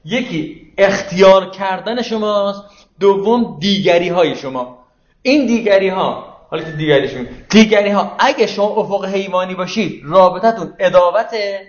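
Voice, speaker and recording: A man giving an informal religious lecture, explaining verses conversationally and asking the audience rhetorical questions. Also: high-pitched. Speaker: religious teacher. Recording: echoey, dull lo-fi room recording.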